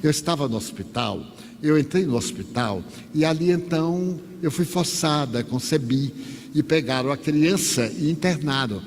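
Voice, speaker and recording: A man's voice: on the high side, lively intonation, normal speed, big-room sound. A man with a Bahian accent voicing a distressed woman searching for her son, speaking plaintively and earnestly. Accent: Bahian Portuguese.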